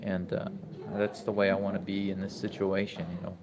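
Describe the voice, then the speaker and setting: A man in his forties talking casually on a live stream from a hospital room, reflective and halting with many restarts. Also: sits low, monotone, noisy background. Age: 40s. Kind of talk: casual live-stream talk reading chat.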